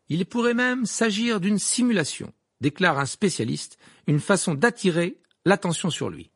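Gossip-column reporter, a woman, put on by a man, insinuating and raised, with lively swings and a gravelly, dry edge. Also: sits high, dry recording, pitched above the performer's own voice, heavily acted. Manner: sensational, insinuating reading.

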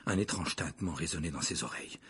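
Guy reading an audiobook, lively dramatic delivery, rough husky voice. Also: very deep voice, fast talker. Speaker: audiobook reader. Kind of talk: expressive audiobook narration.

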